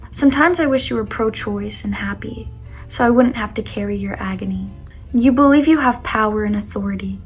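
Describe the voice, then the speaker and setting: A young adult woman with a medium-pitched, slightly mellow voice reads her own poems aloud, adding casual commentary. She's a vlogger, and she comes across as earnest, vulnerable, and a bit self-conscious.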